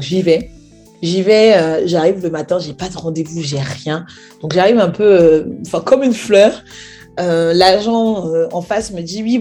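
Young woman with a warm, low voice. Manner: animated retelling with acted-out quoted dialogue. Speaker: speaker sharing a personal testimony. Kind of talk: storytelling testimony.

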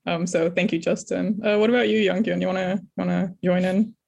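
A woman moderating a casual group podcast discussion, speaking in a relaxed, hesitant way with frequent fillers. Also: fairly low pitch, brisk, creaky, slightly rough.

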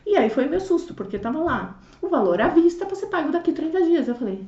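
A woman sharing her story as an interview guest, expressive, acting out dialogue and swinging between loud and hushed. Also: high voice, quick pace. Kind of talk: animated personal testimony. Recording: roomy, distant, dull audio.

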